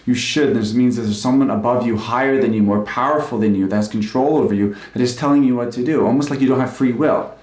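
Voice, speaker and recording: A man's voice: mid-range voice, fast, few pauses, darkish tone. A male couples therapist giving an informal, conversational talk, explaining ideas with frequent filler words. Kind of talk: informal live-streamed talk. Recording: roomy echo.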